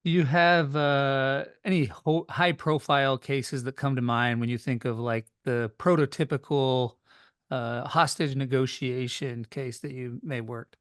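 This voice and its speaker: A man's voice: mid-range voice, steady tone, unhurried, clear, resonant tone, dry recording, studio quality. A man hosting an interview in a casual, conversational style. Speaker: interview host.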